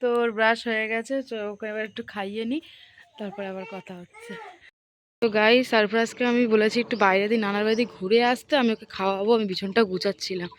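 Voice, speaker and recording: A woman's voice: mid-range voice, fairly even intonation, fast talker. A woman in her thirties filming a home vlog, coaxing and calling to her children as she gets them ready. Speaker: vlogger and mother.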